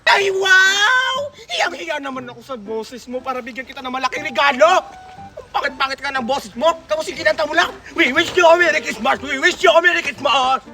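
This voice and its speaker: A woman playing a bossy, scolding older woman who hands out gifts, in a shouty comedy-skit style. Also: sits high, animated, brisk, faint music behind.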